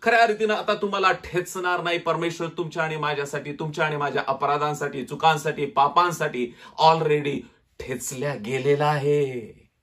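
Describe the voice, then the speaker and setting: High-voiced Marathi pastor preaching dramatically. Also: male voice, fairly even intonation, moderate pace. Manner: dramatic preaching with sudden drops to a low, quiet voice. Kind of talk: sermon.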